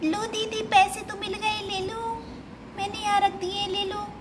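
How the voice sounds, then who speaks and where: A woman's voice: very high-pitched, flat delivery, unhurried, background noise, voice pushed up. A woman voicing a small, timid girl doll who pleads and whines, in a doll-play story. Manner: whiny, pleading.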